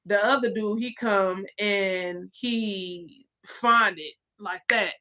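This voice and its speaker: A woman's voice: mid-range voice, slow pace, sharp tone. A woman co-hosting a casual podcast chat, telling stories in a laid-back, profane, slangy way. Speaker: co-host.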